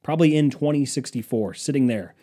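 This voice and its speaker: A warm, medium-pitched voice moving fairly quickly comes from a male vlogger in his twenties. Indoors at a museum exhibit, he tells his phone a rambling, profane story that's full of self-mockery.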